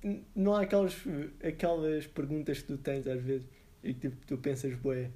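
A young man co-hosts a podcast in a soft, mellow voice. His talk is informal and slangy, and he often repeats words as he works out a thought. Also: on the high side, fairly even intonation. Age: young adult. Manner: informal and slangy, thinking aloud in halting repetitions. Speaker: podcast co-host. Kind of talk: casual chat.

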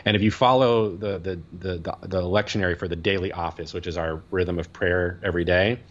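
A man's voice: deep voice, fairly even intonation, brisk, fairly bright tone, muffled recording. A man co-hosting a podcast, a priest talking casually and rambling with many fillers and restarts.

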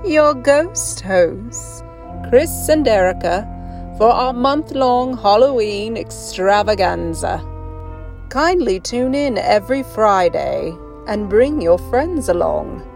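A woman voicing a theatrical, spooky female ghost host who welcomes listeners with slow, drawn-out, ominous lines and eerie laughs. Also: mid-range voice, animated, gravelly, darkish tone, soft background music. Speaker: podcast co-host.

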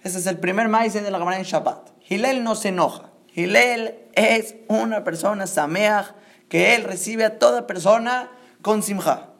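A man teaching a lesson, retelling a Talmud story in a lively way and checking in with his listeners. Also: high voice, moderate pace, creaky. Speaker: religious teacher.

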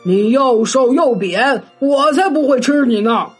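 A woman voicing a huge, short-tempered male bear in a children's story, gruff and scolding. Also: high voice, animated, measured pace, faint music behind, exaggerated voice. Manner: gruff, scolding, barking orders.

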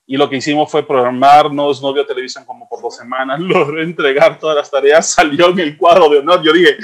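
A man's voice: fairly high pitch, fairly even intonation, brisk. A middle-aged man, telling stories in a casual chat and repeating words for emphasis. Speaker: co-host.

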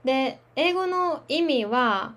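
A woman teaching Japanese filler words in a relaxed, chatty podcast lesson, laughing at her own fillers. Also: high-pitched, slow. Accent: standard Japanese. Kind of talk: slow casual language lesson.

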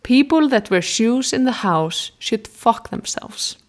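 A woman's voice: a little high, expressive, slow pace. A woman from Iceland, chatting bluntly and opinionatedly. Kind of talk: casual chat.

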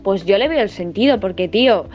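A teenage girl, chatting casually as a student, excitable and slangy, swearing freely. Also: medium pitch, fairly quick, lo-fi sound, faint music behind. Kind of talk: casual chat.

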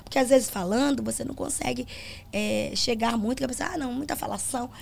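Quick and gravelly, her voice a little high, a middle-aged Brazilian gospel singer shares stories during an informal interview. She speaks with a Brazilian Portuguese accent and brings the tales to life by acting out the dialogue.

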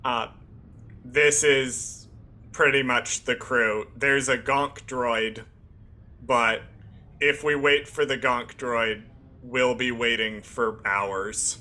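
A man playing a tabletop role-playing game who speaks slowly and deliberately. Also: mid-range voice, fairly even intonation, bright, forceful tone. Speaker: player.

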